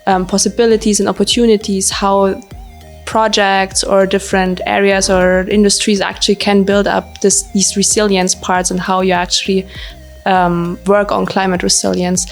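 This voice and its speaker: Young woman, measured interview guest, slightly off-mic, faint music. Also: mid-range voice, level tone. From Germany. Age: young adult. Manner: measured, explanatory, with self-corrections. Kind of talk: casual interview answers.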